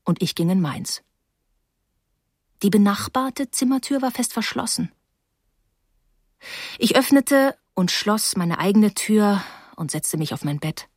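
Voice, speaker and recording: A woman narrating a first-person story in a measured, quietly dismayed way. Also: medium pitch, lively intonation, no echo, clean studio sound. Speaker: audiobook narrator.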